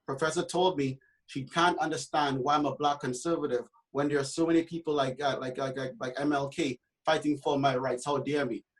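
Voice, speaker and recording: A man's voice: a little high, steady tone, fairly quick, hardly any pauses, low-quality recording. A man from Trinidad and Tobago who works as a realtor, speaking passionately on a panel discussion with many fillers and restarts.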